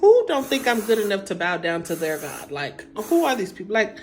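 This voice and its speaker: A woman voicing a proud, quick-tempered king who talks in casual modern slang. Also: medium pitch, big pitch swings, soft background music, rough recording. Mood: indignant. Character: proud, easily angered male king.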